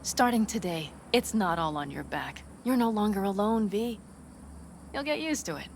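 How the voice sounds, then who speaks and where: A woman's voice: mid-range voice, animated, moderate pace, a little hiss or hum, close to an everyday voice. A woman playing a tough, confident nomad in a video game, matter-of-fact and reassuring. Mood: assured.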